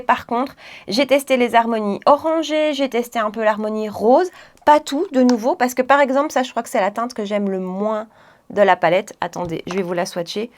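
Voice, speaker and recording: Brief: friendly woman beauty vlogger, a bit high-voiced, rambly and giggly. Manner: chatty, self-correcting, laughs often. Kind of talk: chatty makeup tutorial.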